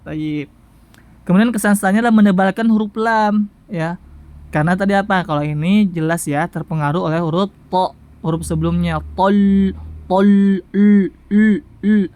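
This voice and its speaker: A Quran recitation teacher giving a tajwid lesson, patiently repeating syllables slowly for the listener to practice. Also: mid-range voice, darkish tone. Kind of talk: tajwid lesson with sound drills.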